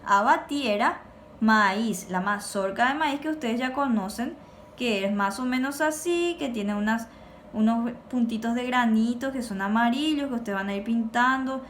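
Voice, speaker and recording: A woman teacher, giving a recorded lesson for children and repeating words slowly and clearly for the class. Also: on the high side, slight background noise. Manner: slow, clear drilling of words for repetition.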